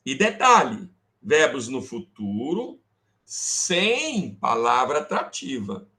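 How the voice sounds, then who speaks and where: A man's voice: mid-range voice, huge pitch swings, slow, sharp tone. A male teacher with a Brazilian accent giving an online grammar lesson, often checking in with students and calling them affectionate names. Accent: Brazilian Portuguese. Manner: calls students "amores", checks with "beleza?" and "tá?"; fiddles with slides while talking to himself.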